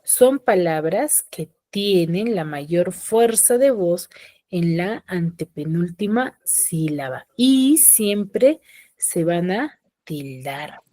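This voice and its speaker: Woman teacher, online class; slow, patient explaining, steady check-in questions, dry close sound. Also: on the low side, dry recording. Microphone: computer mic on a video call.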